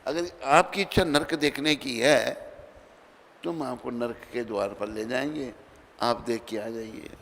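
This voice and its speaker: A man delivers a storytelling sermon in a gravelly voice, voicing each character as he goes. He swings from loud to soft, and his words ring out in a long-echoing hall with a faint hiss behind. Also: mid-range voice, unhurried. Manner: dramatic storytelling, acting out dialogue with sudden loud and soft turns. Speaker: preacher. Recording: reverberant hall with faint background noise.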